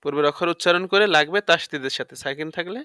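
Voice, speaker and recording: A man teaching tajweed, spelling out letters and rules step by step and drawing out the recited words slowly, with a Bangladeshi Bengali accent. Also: on the high side, pushed and bright, clear, resonant tone, no echo, clean studio sound. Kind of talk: tajweed lesson with slow recitation.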